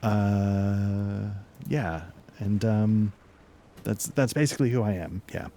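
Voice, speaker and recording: A man with a fairly low voice talks casually as a player in a tabletop game. He describes his character haltingly, feeling his way through the backstory. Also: steady tone, mellow, a little hiss or hum. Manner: hesitant, halting delivery.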